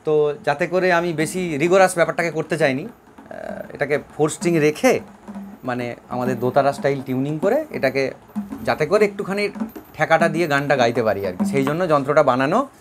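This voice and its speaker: Chatty, somewhat high-voiced man from West Bengal. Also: lively intonation, a little fast, a little hiss or hum. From Bankura district, West Bengal, India. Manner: rambling and chatty, many fillers. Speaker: instrument owner giving a review. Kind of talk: casual spoken review.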